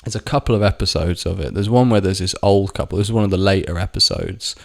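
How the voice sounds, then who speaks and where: A man with a deep, low voice tells a personal story in a loose, rambling way. He swears freely and keeps stopping to correct himself mid-sentence. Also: fast talker, vocal fry. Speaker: vlogger. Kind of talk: casual storytelling monologue.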